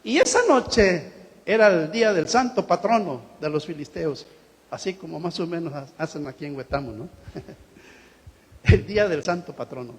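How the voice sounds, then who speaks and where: A man's voice: on the high side, animated, normal speed. A man preaching a sermon in a church hall, acting out the quotes he tells and laughing now and then. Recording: long hall reverb.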